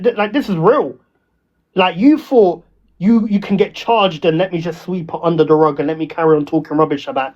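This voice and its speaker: London roadman guy ranting on live, confrontational and slangy, voice jumps all over, muffled lo-fi sound. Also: high-pitched. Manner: taunting, confrontational, repetitive. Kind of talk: ranting livestream trash talk. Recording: dull lo-fi audio.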